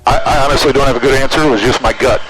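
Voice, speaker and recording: A man's voice: mid-range voice, very fast, a crowd in the background, poor audio. A man talking as a student pilot on an aviation headset over the intercom of a small aircraft. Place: small aircraft cockpit in flight. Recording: intercom radio audio with clear cabin noise.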